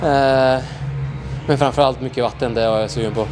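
A sore, exhausted young man chats haltingly in a big indoor gym, his words full of fillers. Music plays clearly behind him. He speaks at a middling pitch into a handheld mic. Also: steady tone, poor audio. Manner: tired, halting, many fillers. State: sore and worn out. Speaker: vlogger. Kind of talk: casual vlog chat. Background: music playing.

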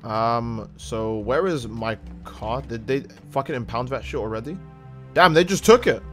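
A man streaming a video game, rambling casually, swearing and reacting loudly to what happens on screen. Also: mid-range voice, a little slow, soft background music. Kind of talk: casual gaming stream chat.

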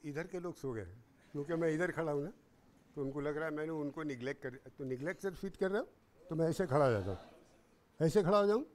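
A man giving a lecture on acting to students, animated, talking to the audience directly and acting out examples. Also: fairly high pitch, quick pace. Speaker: acting teacher at a seminar.

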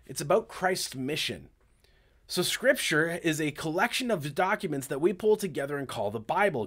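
A man's voice: medium pitch, fairly bright tone. A man preaching a sermon as pastor, speaking directly and conversationally and often checking in with the congregation.

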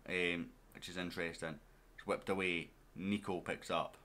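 A man with a low, deep voice commentates a management game in an easy let's-play style. He chats directly to his audience and to the players on screen in a relaxed, conversational way. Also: moderate pace. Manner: chatty, talks straight to viewers and to his players. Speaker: gaming YouTuber.

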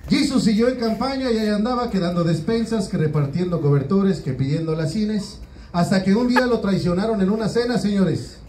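A man's voice: sits high, fairly quick, mellow, recorded from a distance. A man with a Mexican accent doing a crude, slang-heavy stand-up routine. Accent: Mexican Spanish. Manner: crude, slangy storytelling, frequent "güey". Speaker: stand-up comedian. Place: small open-mic venue. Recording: roomy, from off-mic with faint room noise.

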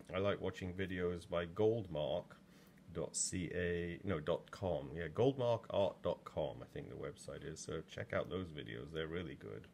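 Low and darkish with some vocal fry, this man's voice carries over slight background noise as he works. He's an English potter in his sixties, chatting and umming his way through a casual demo filmed from just behind his shoulder.

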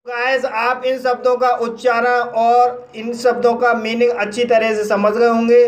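A man teaching an English story word by word, giving each word's meaning in a slow, deliberate dictating manner. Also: very high-pitched. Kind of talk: slow word-by-word translation lesson.

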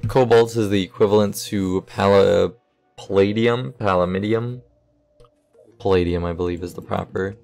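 A young man giving relaxed, casual commentary over his game, thinking aloud as he sorts items, with the hiccups. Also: fairly low pitch, moderate pace, gravelly, soft background music. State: has the hiccups. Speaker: gaming YouTuber.

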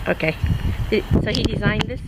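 A woman's voice: medium pitch, brisk. A woman chatting playfully on a casual outdoor vlog, recorded on a handheld camera in a yard. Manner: playful, laughing, repeats what she's told. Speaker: vlogger. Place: outdoor yard by a container and gate. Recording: loud outdoor noise.

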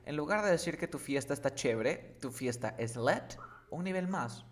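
A man's voice: on the high side, normal speed. A man teaching English slang in a casual lesson, often checking that the student follows. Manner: lively, checks understanding often.

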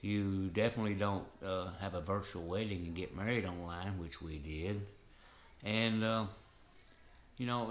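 An older man from the Southern United States, a vlogger with a Southern accent, tells a personal story to camera in his living room. He is earnest and rambling, dropping frequent "and, uh" fillers. His voice is on the low side and a bit bright.

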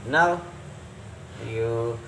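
In an echoey, roomy recording with noticeable noise behind him, a man whose first language isn't English walks through a repair as a tutorial presenter. His pitch is ordinary, and he speaks slowly and haltingly in short, fragmented phrases.

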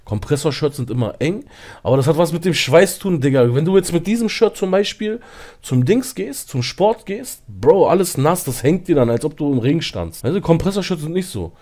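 Slangy man telling a story, lively pitch. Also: fairly quick. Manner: slangy and animated, lots of fillers. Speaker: streamer. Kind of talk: casual storytelling on a livestream.

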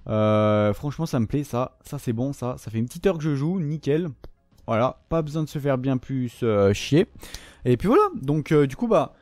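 A man commentating his own shooter gameplay, excitable and swearing often, shouting at opponents. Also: medium pitch, normal speed, no room sound. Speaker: gaming YouTuber.

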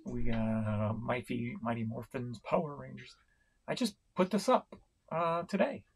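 Middle-aged male reseller for a casual home vlog, unhurried delivery, plenty of fillers and restarts, mid-range voice, recorded on a desk webcam. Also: mid-range voice, breathy edge. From St. Louis, Missouri. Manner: slow, rambling, many fillers and restarts. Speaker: online reseller. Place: home room, indoors.

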